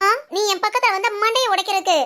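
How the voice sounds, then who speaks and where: A woman playing a young wife who is sulking at her husband, scolding him sharply and musing softly to herself in a comic family skit. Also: very high voice, fast. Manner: sharp scolding, then soft musing alone. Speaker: actress in a village family skit. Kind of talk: comic family drama acting.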